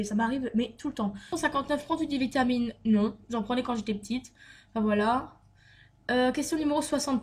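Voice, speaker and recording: A young woman from France chatting through a vlog question list, with many fillers and restarts. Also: high voice. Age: young adult. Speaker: beauty vlogger. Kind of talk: casual Q&A tag vlog.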